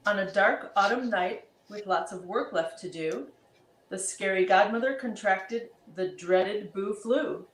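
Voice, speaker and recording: A woman's voice: medium pitch, a little slow, a little hiss or hum. A woman reading a rhyming picture book aloud to children, with chatty asides to the kids. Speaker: storybook reader. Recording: roomy echo.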